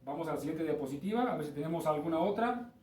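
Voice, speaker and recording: A man's voice: fairly high pitch, lively intonation, quick pace, darkish tone, far from the mic. A man with a Mexican Spanish accent teaching an English lesson, explaining step by step and checking in with his students. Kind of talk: recorded class lesson. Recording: roomy, from off-mic with faint ambience.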